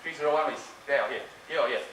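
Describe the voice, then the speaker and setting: A man's voice: medium pitch, rapid-fire. A man giving a playful, interactive conference talk, coaxing the audience and repeating his phrases. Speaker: conference speaker doing a mind-reading trick. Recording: roomy hall, distant mic, background noise. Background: audience laughter and room ambience.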